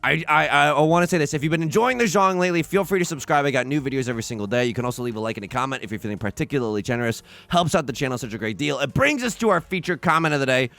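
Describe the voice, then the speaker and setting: A man's voice: medium pitch, lively intonation, very fast, vocal fry, hardly any pauses, a bit bright. A man hosting his own let's play, talking through a tile game in a rambling, self-mocking stream of consciousness into a desk microphone. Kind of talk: casual gameplay commentary.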